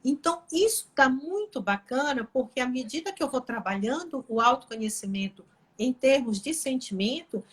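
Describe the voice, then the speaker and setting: A woman's voice: high-pitched, lively intonation, normal speed, slightly rough. A middle-aged woman from Pará, Brazil, a guest on a live chat, talking earnestly about training her own voice. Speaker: guest, court employee and therapist. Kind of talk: casual chat on an online live.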